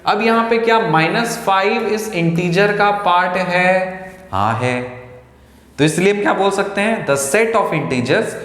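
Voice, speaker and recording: A man teaching a maths lecture, slow and deliberate, who asks the class questions and answers them himself. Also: high voice, animated, a bit bright. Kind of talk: lecture mixing Hindi and English. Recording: echoey room with long reverb.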